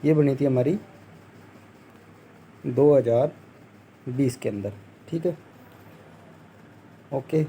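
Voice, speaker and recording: A man's voice: mid-range voice, takes it slowly, long pauses, dark tone, slight background noise, poor audio. A young man teaching a Hindi exam-prep lesson, explaining step by step, quizzing his students and answering his own questions. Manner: explains step by step, asks the class questions and answers them, often says "theek hai"; acts out scoffing crowd voices as jokes.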